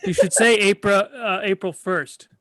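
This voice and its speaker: A man's voice: high voice, steady tone, moderate pace, fairly bright tone, no echo, studio quality. A man in his twenties, a podcast guest, talking bluntly and swearing freely in casual chat. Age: 20s. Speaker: guest, real estate agent.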